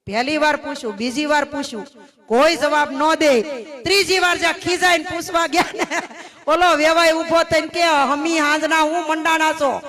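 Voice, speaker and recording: A woman from Gujarat, telling a devotional story in a lively, folksy, teasing way at a satsang. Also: high-pitched, moderate pace.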